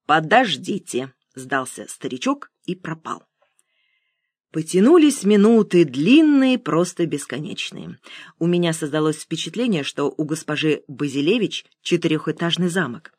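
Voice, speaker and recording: Expressive woman reading an audiobook. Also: deep voice, moderate pace, husky, no room sound. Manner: expressive, ironic storytelling. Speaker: audiobook reader. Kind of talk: audiobook narration.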